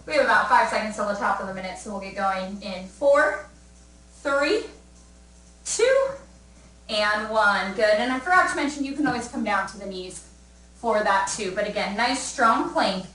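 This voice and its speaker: A woman's voice: mid-range voice, normal speed, fairly bright tone. A young woman leading a live workout class from home, encouraging and counting down, a little out of breath. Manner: upbeat encouraging coaching, counting down. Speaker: fitness instructor. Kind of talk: live fitness class cues. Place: room at home. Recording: echoey room, mic at a distance.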